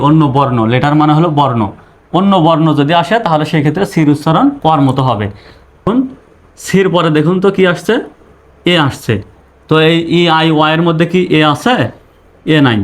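Patient man teaching English spelling. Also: on the high side. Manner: patient, repeats rules and spells letters aloud. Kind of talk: spoken spelling lesson.

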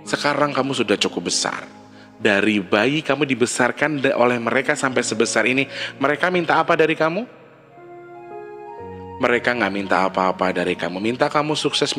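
A man's voice: medium pitch, sharp tone. A man speaking casually to his listeners, giving preachy, scolding life advice and firing questions at them.

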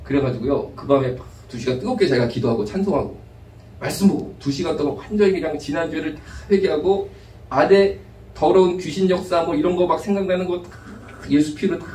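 A man, a pastor, preaching a sermon told as a lively anecdote. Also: fairly high pitch. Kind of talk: storytelling sermon. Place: church sanctuary. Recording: echoey room, mic from a distance.

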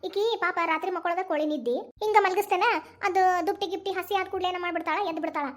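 A woman's voice: very high voice, quick pace. A woman voicing a caring middle-aged cartoon mother who chats and gives advice, with a North Karnataka Kannada accent. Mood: advising. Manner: chatty, advising. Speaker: grandmother of newborn. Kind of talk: animated cartoon family drama dialogue.

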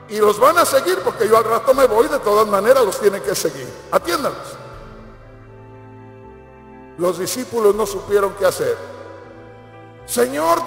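A man's voice: high-pitched, roomy sound, long reverb tail. A man, a pastor preaching a sermon and acting out the voices in his stories. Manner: storytelling, acts out quoted voices. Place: church.

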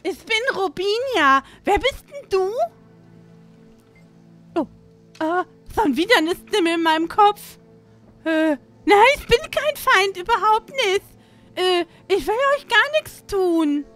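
A flustered, stammering young woman soldier with a very high, bright voice, as a woman plays her in a game role-play. She rambles, trips over her words and yelps in alarm. Faint music plays under her. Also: animated, heavily acted. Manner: flustered, stammering, quick to cry out. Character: excitable clumsy young woman soldier, chatty. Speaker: role-play player character.

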